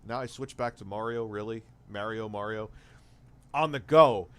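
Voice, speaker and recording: A man's voice: fairly low pitch, normal speed, clear, resonant tone. A man in his forties hosting a casual livestream chat, reading viewer messages and ranting with lots of swearing. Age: 40s. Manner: swears a lot, animated rants.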